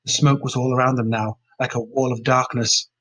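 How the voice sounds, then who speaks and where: A man narrating a story in a steady, plain way. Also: mid-range voice, brisk, breathy edge, low-quality recording. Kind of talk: storybook reading.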